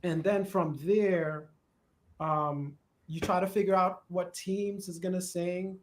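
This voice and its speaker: A man with a Jamaican accent hosting a live church discussion, chatty and animated, laughing at times as he explains. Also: high-pitched, takes it slowly, a little hiss or hum. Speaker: host. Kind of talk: casual discussion on church worship. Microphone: live stream.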